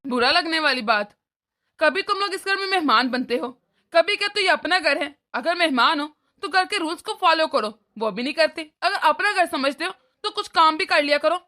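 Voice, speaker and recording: An irritable elder son from a cartoon family story, played by a woman. He argues and complains in a very high, bright voice. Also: animated, normal speed. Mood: arguing. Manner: complaining, argumentative.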